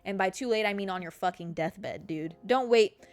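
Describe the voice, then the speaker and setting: With faint music underneath, a mid-twenties woman hosting a podcast speaks at a moderate pace in a mid-range voice. Her casual motivational monologue is a blunt pep talk laced with profanity, and she calls listeners babe and girl.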